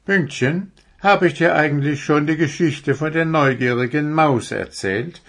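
A man's voice: fairly high pitch, measured pace, a bit bright, voice pushed up. Cheerful storybook gnome, busy and teasing, voice a little raised, as a man reads him. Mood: friendly. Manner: teasing, good-humoured. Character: friendly, busy male gnome.

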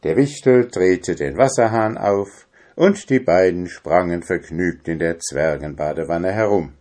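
A man narrating a children's story in a gentle, storytelling manner. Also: low voice, a little slow.

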